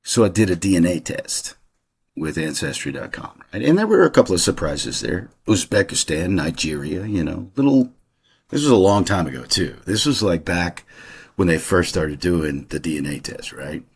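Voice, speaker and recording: A man's voice: deep voice, sing-song, normal speed, creaky, slightly rough. A middle-aged man talking casually about his family history in a rambling way, with lots of fillers and restarts. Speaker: channel host. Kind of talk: casual personal monologue.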